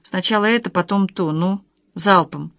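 An audiobook reader voicing a brusque chain-smoking woman who speaks bluntly and loudly. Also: mid-range voice, moderate pace, vocal fry, no room sound, clean studio sound. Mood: bossy. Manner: blunt, loud and bossy.

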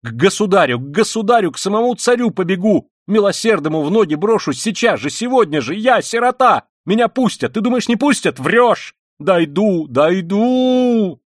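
A man reading aloud puts on a frantic widow, shrieking insults in a high, strained voice that swings wildly up and down. She is loud and relentless, in a dry audiobook recording. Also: big pitch swings, moderate pace, hardly any pauses, dry recording. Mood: frantic rage. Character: hysterical impoverished widow, shrieking, furious.

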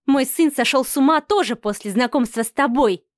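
Scornful middle-aged mother, cold and cutting, read by a woman narrator; slightly high voice, dry close sound. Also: dry recording, close to an everyday voice. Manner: sarcastic, slow and cutting. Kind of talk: audiobook character reading.

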